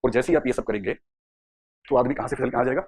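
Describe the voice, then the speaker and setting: A husky-voiced man teaching psychology in a classroom. He talks very fast and playfully, slipping into little acted scenes to make his points. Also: mid-range voice, darkish tone. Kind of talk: classroom lecture mixing Hindi and English.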